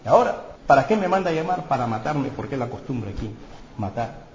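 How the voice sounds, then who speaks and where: A man's voice: medium pitch, lively intonation, brisk, highs cut off, crowd noise, lightly acted. A pastor voicing a frightened, crippled young man who pleads in a trembling, self-abasing way in an echoey church hall. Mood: fearful.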